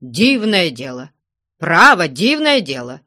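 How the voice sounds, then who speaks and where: A man's voice: on the high side, big pitch swings, takes it slowly, bright, forceful tone, no echo, studio quality, exaggerated voice. A man reading aloud, voicing an older villager who keeps urging and admonishing a stubborn younger man. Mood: persuading. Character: persuasive older male villager, insistent.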